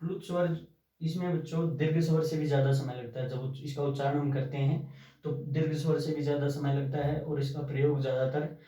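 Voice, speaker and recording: A man teaching a class, asking his pupils questions and answering them himself in a drawn-out, repetitive way. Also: on the high side, steady tone, warm tone. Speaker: Hindi teacher. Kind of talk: classroom lesson. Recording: very echoey room, from far off.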